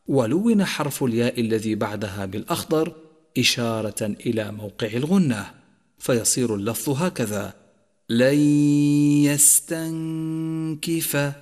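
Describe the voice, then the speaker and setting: A man's voice: medium pitch, husky. Man teaching tajweed with reverb. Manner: recites verses slowly and melodically, explains rules in measured voice. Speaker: Quran recitation teacher. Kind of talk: tajweed lesson.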